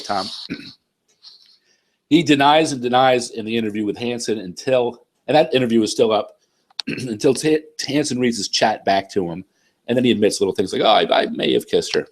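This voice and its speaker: A man with a cold and a nasal voice, casually reading and bluntly answering viewer comments on his channel, clearing his throat often. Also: medium pitch, slight background noise. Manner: blunt, profane, conversational, frequent throat-clearing. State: congested, sick with a cold.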